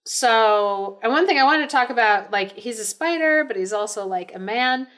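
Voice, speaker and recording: A woman's voice: fairly high pitch, animated, moderate pace, a bit bright. A woman co-hosting a podcast, chatting casually and searching for words as she explains. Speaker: podcast co-host. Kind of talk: casual chat.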